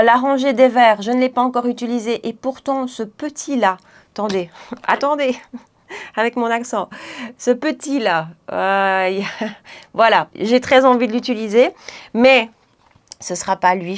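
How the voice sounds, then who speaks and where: A woman chatting through a makeup tutorial, laughing often and correcting herself as she goes. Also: fairly high pitch. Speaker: beauty vlogger.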